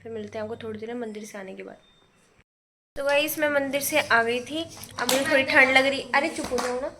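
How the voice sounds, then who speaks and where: A young woman with a fairly high voice chats to her phone camera from home, casually mixing in English words. A faint hiss of room noise sits under her voice. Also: a little fast, a bit bright. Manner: chatty, talks straight to camera, mixes English words. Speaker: vlogger and home tutor. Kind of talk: casual daily vlog. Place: home, indoors.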